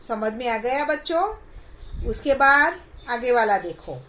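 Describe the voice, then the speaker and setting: A woman's voice: a little high, expressive, unhurried, sharp tone. A woman primary school teacher, sounding out Hindi letters syllable by syllable for young children and quizzing the class, mixing English words into her Hindi.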